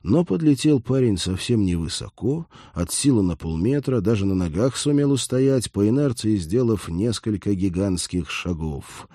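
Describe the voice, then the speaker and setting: A man narrating an audiobook in a steady storytelling delivery. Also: lowish voice, normal speed, few pauses, no echo, clean studio sound. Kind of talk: scripted narration.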